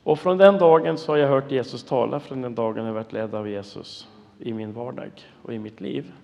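A man in his fifties, a pastor, giving an earnest, emotional sermon testimony and dropping to a hushed voice for prayers. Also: medium pitch, vocal fry, big-room sound, dull audio. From Norway and the United States.

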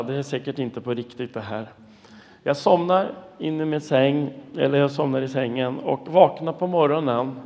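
A man in his fifties, a pastor, giving an earnest, emotional sermon testimony and dropping to a hushed voice for prayers. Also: mid-range voice, long reverb tail. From Norway and the United States.

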